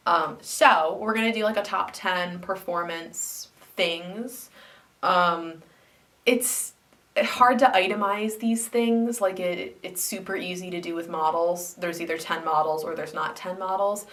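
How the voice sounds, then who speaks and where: A woman's voice: fairly low pitch, fairly even intonation, a little slow, a bit bright, far from the mic. A young woman vlogger, congested after flu, chatting casually about her hobby with many ums and likes. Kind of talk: casual chat to camera.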